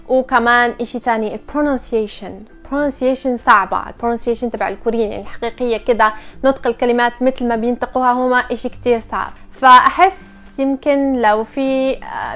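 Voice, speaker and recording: A woman's voice: a little high, a bit bright. A young woman from Morocco chatting casually to her viewers, mixing in English words. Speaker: vlogger. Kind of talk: casual chat to camera.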